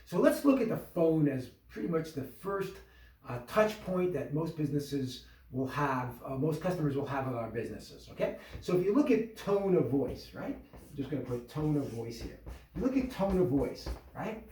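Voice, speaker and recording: A man giving an instructional talk to a small business group, animated and full of questions, acting out tones of voice. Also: on the high side, normal speed, distant mic. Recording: echoey room, voice from off the mic.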